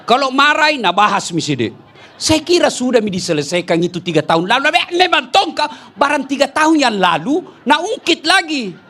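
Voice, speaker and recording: A man preaching a lively, humorous sermon, telling stories with bursts of shouting and laughter. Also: extremely high pitch, brisk.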